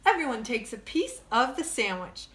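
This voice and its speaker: A teacher reads a children's storybook aloud in a higher-pitched, very lively, teacherly voice at normal speed. She's expressive and keeps her phrasing simple for young kids, and the echoey room gives it a roomy sound.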